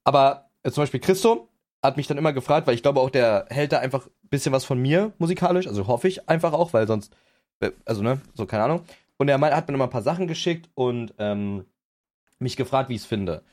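Quick talking young dude, rambly slangy podcast chat, normal pitch. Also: male voice, expressive, darkish tone. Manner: rambling, restarts with fillers, rapper slang. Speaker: podcast co-host.

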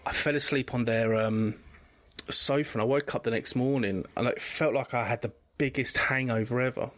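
A man's voice: medium pitch, steady tone, moderate pace, a bit bright. A man, a podcast guest telling a personal story candidly, rambling with frequent restarts. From England.

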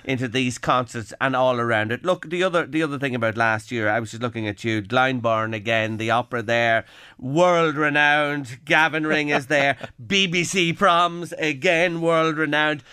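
A man's voice: medium pitch, steady tone, normal speed, bright, forceful tone, clear, resonant tone, no room sound, studio quality. A man with an Irish accent hosting a radio interview in a hearty, emphatic manner. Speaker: radio show host. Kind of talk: live radio interview chat. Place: radio studio.

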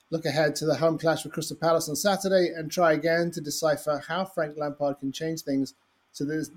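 A man with a scratchy, flu-hoarse voice hosting a football podcast, with a wry scripted intro that turns to relaxed chat. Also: fairly high pitch. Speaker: podcast host.

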